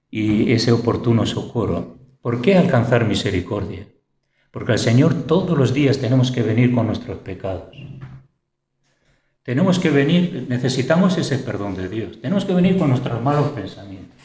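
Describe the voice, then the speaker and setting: A man's voice: mid-range voice, darkish tone. A man preaching a sermon with a Spanish accent from Spain. He delivers it fervently, his voice climbing into bursts of praise. The room around him rings with a church hall's echo. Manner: fervent, rising to exclamations of praise. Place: church hall.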